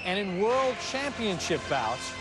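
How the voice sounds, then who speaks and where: A man's voice: high-pitched, big pitch swings, a little slow. A man giving live boxing commentary, setting out facts and records in an announcer's delivery. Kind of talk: live broadcast sports commentary. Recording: loud music and crowd behind commentary. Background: loud entrance music and arena crowd.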